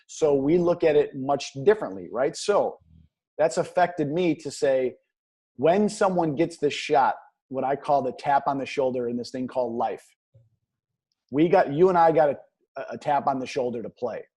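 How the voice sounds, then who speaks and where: Earnest motivational man, mellow tone. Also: mid-range voice, animated, moderate pace, husky. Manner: earnest, motivational, repeats stock phrases. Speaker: guest, business coach and speaker. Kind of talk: motivational interview talk.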